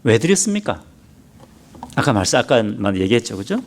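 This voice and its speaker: Emphatic male pastor with a lively pitch. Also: moderate pace, a little hiss or hum. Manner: emphatic, preaching with many rhetorical questions to the congregation. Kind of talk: sermon.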